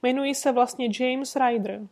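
Woman doing a scared little weaselly guy, high shaky voice, whiny and pleading, storybook. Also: fairly even intonation, a little mellow. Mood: frightened. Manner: trembling, pleading, anxious. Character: timid, frightened little rat-faced man.

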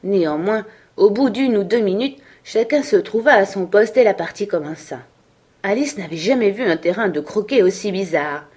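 A woman narrating a children's story in a calm, even reading voice. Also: medium pitch, normal speed, husky.

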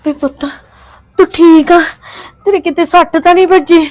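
Actress as elderly mother, soft and tearful, high and pleading. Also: steady tone, normal speed. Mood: worried. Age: older. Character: elderly mother, loving and forgiving.

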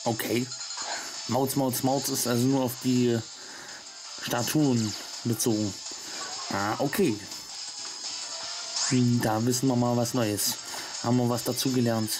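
A man's voice: medium pitch, fairly even intonation, unhurried, long pauses, music in the background, rough recording. A man giving casual video game commentary and reading on-screen text aloud as he plays. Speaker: let's-play gamer.

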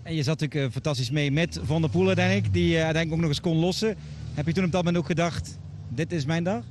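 Male reporter, interview questions, brisk pace, slightly high pitch, outdoors. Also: darkish tone, slight background noise. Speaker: sports reporter. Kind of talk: post-race interview questions. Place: outdoors at a race finish. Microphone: handheld broadcast microphone.

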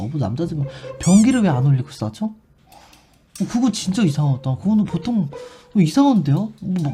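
A man chatting casually on a live stream, animated and expressive, and given to sudden shrieks. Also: fairly high pitch, slight background noise. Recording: live stream with loud background music.

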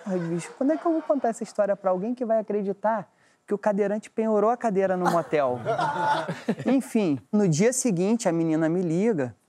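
A man's voice: sits high, expressive, normal speed, background noise. A young man casually telling a comic story to a TV studio audience, acting out the dialogue and swearing freely.

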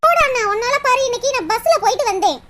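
A woman's voice: very high-pitched, big pitch swings, fast talker, full character voice. A woman voicing a generous young girl in a cartoon, giggly and pleading. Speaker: cartoon voice actor. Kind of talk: Tamil cartoon dubbing. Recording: loud background hiss.

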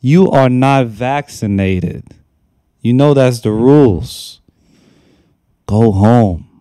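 Exasperated young man with a dark voice. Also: mid-range voice, slow, smooth, no room sound, studio quality. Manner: mocking, exasperated, repeats himself. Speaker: reaction video host. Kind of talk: casual reaction commentary. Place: small room at home. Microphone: desk microphone on a stand.

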